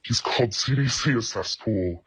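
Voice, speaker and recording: An anonymous government agency employee speaking in a news clip, their voice electronically disguised and pitched down, talking in a slow, measured, grave way. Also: husky, dry recording, rough recording.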